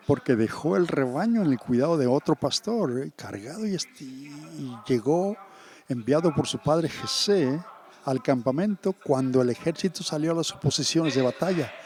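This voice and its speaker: Brief: male church preacher, gravelly timbre, animated storytelling sermon. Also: on the high side, moderate pace. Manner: animated, acts out quotes.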